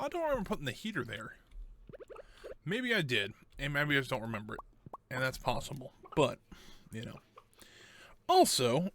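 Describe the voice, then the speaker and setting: Bright-voiced man streaming a farm game. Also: mid-range voice, slight background noise. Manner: chatty, self-correcting, talks to viewers. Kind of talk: casual game commentary.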